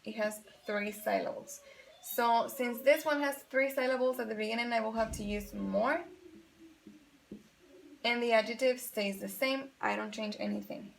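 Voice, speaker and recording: Gravelly-voiced woman teaching grammar. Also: a little high, normal speed, a little hiss or hum. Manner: patient, explains step by step, repeats examples; switches between Spanish and English. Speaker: English teacher. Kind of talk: bilingual grammar lesson.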